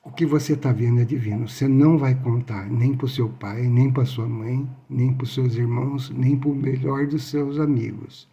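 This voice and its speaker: A man quoting a calm divine presence. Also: medium pitch, moderate pace, few pauses, natural voice. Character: calm divine male presence speaking to a child.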